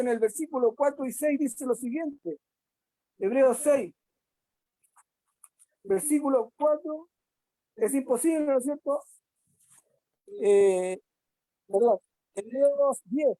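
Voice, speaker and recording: A woman's voice: high-pitched, mellow, no room sound, rough recording. A woman reviewing a church Bible lesson, asking the listeners questions and hesitating often. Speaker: Sabbath school teacher.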